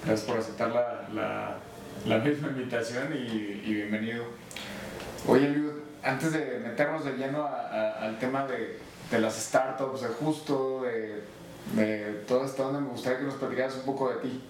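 A man's voice: mid-range voice, moderate pace, background noise. Distant, roomy-sounding male host. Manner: friendly, hesitant with repeated words. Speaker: host, interviewer. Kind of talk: casual interview. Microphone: away from the mic.

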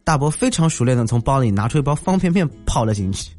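Male host telling funny stories, mid-pitched, very animated delivery, soft music underneath. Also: fast talker. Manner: lively storytelling, mimics others' voices. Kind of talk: comic anecdote narration. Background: faint music.

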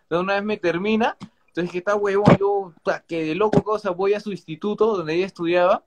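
A man's voice: sits high, fairly even intonation, fast talker, very noisy. A young man with a Peruvian Spanish accent, telling an anecdote in a casual, slangy chat full of swearing and fillers. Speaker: livestream co-host. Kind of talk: casual storytelling.

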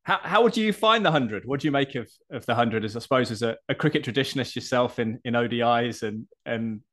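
A male interviewer talks quickly and asks long, winding questions, often restarting partway through. His pitch sits in the middle range. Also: animated, fairly bright tone.

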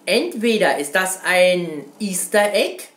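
A man hosting a casual gaming video, talking in a loose, rambling way and dropping casual swears. His voice sits fairly high and swings up and down a lot. The room around him gives back a clear echo. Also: animated, slow pace, fairly bright tone. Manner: rambling, keeps calling viewers "Kunstfreunde", swears casually. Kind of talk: casual video reply on a video game.

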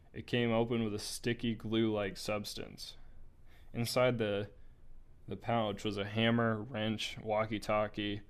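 A man's voice: lowish voice, clean tone. A young man reading a story aloud in a casual way, stumbling over words now and then and breaking off for asides. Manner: casual, with slips, laughs and asides.

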